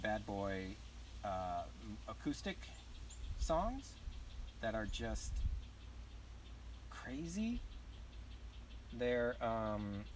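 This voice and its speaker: Livestreaming outdoors at a campground, a young Southern man talks in a rambling, casual way with plenty of offhand swearing. His fairly low voice is picked up from a distance on a low-quality recording with a slight hiss or hum.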